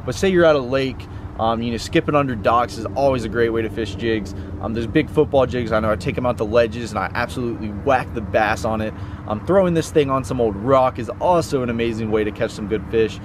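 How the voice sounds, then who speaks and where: A man's voice: mid-range voice, a little fast. A young man hosting a fishing video outdoors by a pond, explaining techniques in a chatty way with lots of fillers. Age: young adult. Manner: chatty, fillers like "you know" and "um". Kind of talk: casual outdoor instruction. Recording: outdoor recording with clear background noise.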